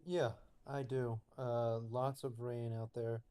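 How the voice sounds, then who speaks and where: A man co-hosts a live weather broadcast, his voice sitting in a middle range. He speaks calmly and matter-of-factly, pointing out storms and telling a chaser to pull over. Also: mid-range voice, slow, clean tone. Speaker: co-host forecaster. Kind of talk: live weather coverage chat.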